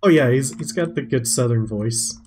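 A man's voice: medium pitch, normal speed, a crowd in the background. An American man chatting casually as a co-op guest player, laid-back, with brief dry replies. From United States. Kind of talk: casual co-op gameplay chat.

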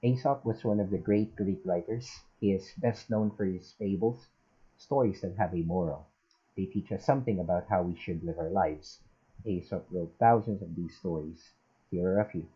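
A man reviewing a product through a gaming headset mic in a small room, his voice muffled and made quieter by noise suppression, talking with many fillers and restarts. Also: low voice, normal speed, breathy edge. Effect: software noise suppression that makes the voice quieter and thinner. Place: small hot room with two fans.

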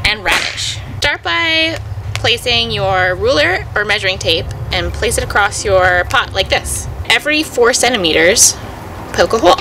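A young woman, a farm educator, giving clear, patient step-by-step gardening instructions. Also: mid-range voice, lively intonation, moderate pace, noisy background. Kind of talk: instructional demonstration.

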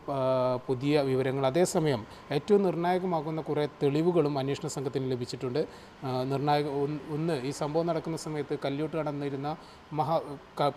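A Malayali man files a live news report from the field, stumbling and restarting as he goes. His voice sits at an ordinary middle pitch. Faint background noise runs under him. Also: a little mellow. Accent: Malayali, Kerala. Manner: halting, many fillers and restarts.

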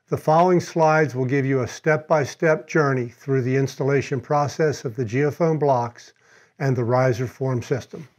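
A man in his sixties, a company spokesman, presenting a scripted step-by-step product walkthrough in a steady, instructional way, recorded in a studio on a lapel mic. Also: mid-range voice. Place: studio against a dark backdrop. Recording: slightly dull lo-fi sound.

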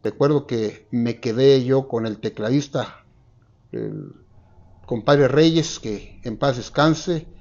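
A man in his sixties with a Mexican accent, recalling an old memory in an interview with a lapel mic, halting and full of restarts. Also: medium pitch, very animated, a little mellow, dull audio. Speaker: eyewitness interviewee. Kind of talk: recounting a memory. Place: dark room, seated.

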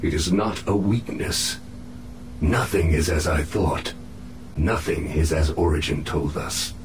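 Solemn alien prisoner from a game, really slow, echoey, formal and menacing. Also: male voice, extremely low pitch, background noise. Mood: grim, resigned. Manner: formal, measured, portentous speech. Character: captive alien infiltrator, solemn, proud, menacing yet doubting. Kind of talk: video game cutscene acting.

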